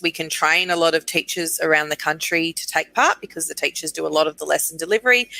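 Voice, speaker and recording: An Australian woman with a lowish, sharp-toned voice, recorded with no echo, is interviewed as a guest who manages urban bird programs. She explains the programs enthusiastically and conversationally.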